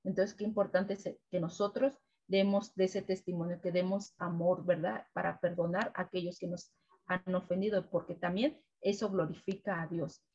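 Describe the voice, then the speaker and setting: A woman leading a weekly Bible devotional, preaching gently and ending nearly every sentence with a questioning "right?". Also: fairly low pitch, flat delivery, normal speed, breathy edge, highs cut off. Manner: keeps adding "right?" tags, gentle repetitive preaching. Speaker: devotional co-host.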